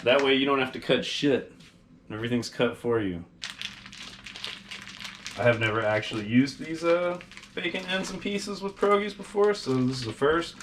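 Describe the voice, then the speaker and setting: A man's voice: mid-range voice, moderate pace, long pauses, fairly bright tone, slight background noise. A sarcastic, heavily swearing man hosting a casual cooking vlog, talking as he works in a home kitchen. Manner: foul-mouthed, sarcastic. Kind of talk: casual cooking demonstration, talking while working.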